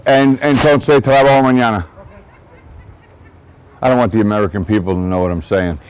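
A man's voice: fairly low pitch, steady tone, normal speed, clear, resonant tone, rough recording. A man, a racehorse trainer giving a guided barn tour outdoors, chatty and digressive, often restarting his sentences. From Long Island, New York. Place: outdoor horse barn shed row.

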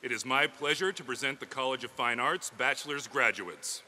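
A man reading out graduates' names one by one at an outdoor commencement ceremony, steady and formal into a podium mic. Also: medium pitch, moderate pace, noisy background. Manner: steady, clear formal announcing. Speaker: commencement name reader.

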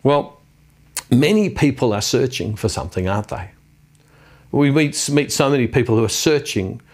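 A man's voice: mid-range voice, animated, normal speed. Earnest middle-aged man preaching. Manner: earnest, repeats phrases and poses questions to listeners. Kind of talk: reflective sermon talk on scripture.

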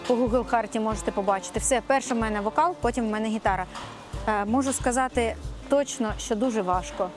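A woman's voice: fairly high pitch, fast. A woman vlogging casually from a music studio, chatty and self-mocking. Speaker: vlogger and singer. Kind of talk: casual self-filmed vlog.

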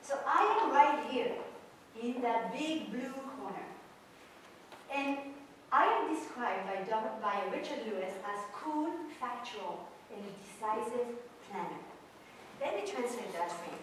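A woman lectures from a stage in a big auditorium, her slightly high voice caught by a camera far back in the seats. The hall rings with a long, roomy echo, and a faint hum of the crowd sits underneath. She talks directly and with animation. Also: animated, a little slow. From Switzerland. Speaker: guest speaker on business culture. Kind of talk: public lecture. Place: large auditorium with audience. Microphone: far camera in the audience. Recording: echoey hall recorded from far off.

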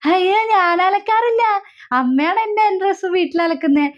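A woman's voice: very high-pitched, lively intonation, fairly quick, lo-fi sound. A woman voicing a pampered, whiny nineteen-year-old niece who pleads tearfully in a comic family skit. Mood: fussy.

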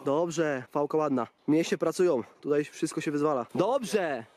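A young man loudly cheering friends on during an outdoor street workout, shouting encouragement over and over. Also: on the high side, moderate pace. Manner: loud, cheering, repeats "dawaj". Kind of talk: excited hype shouting.

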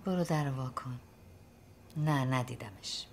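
A woman's voice: rumbling low, gravelly, slight background noise. A woman playing a wife who runs a shop in a film drama and defends herself against her husband's suspicions. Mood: defensive.

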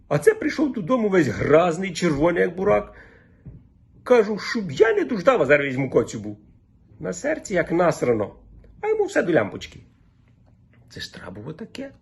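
A man voicing a gossipy old village woman who speaks in a Volhynian dialect, chattering rapidly in a raised pitch. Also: darkish tone, breathy edge, heavily acted.

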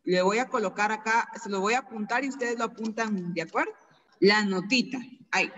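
A teacher with a Guatemalan accent gives a recorded lesson, patiently repeating each word slowly so the class can copy the pronunciation. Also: medium pitch, fairly bright tone, long reverb tail, muffled recording. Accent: Guatemalan Spanish.

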